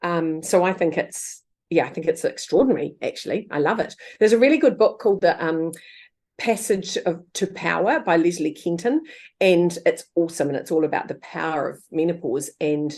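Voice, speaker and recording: A woman in her fifties, a guest author in a casual interview chat, who talks lively, laughs often and acts out quoted voices. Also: on the low side, moderate pace.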